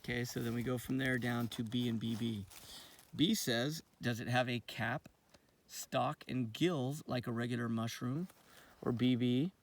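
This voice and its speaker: A man's voice: medium pitch, fairly even intonation, measured pace, recorded from a distance. A man giving a casual outdoor nature lesson for kids on his lawn, friendly and rambling with lots of fillers. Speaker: outdoor education teacher.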